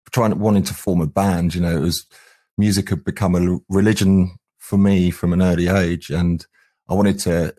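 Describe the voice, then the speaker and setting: Low and mellow, this man's voice belongs to an English musician in his 40s. As a band frontman guesting on an interview, he reminisces casually, hesitating and rambling as he goes.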